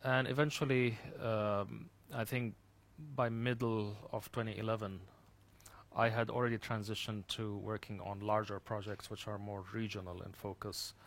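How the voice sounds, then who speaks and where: A man from the Gulf region, a guest speaker recounting his experience thoughtfully, with many fillers and restarts that trail off quietly. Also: on the low side, little pitch movement, normal speed. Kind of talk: personal account in an interview.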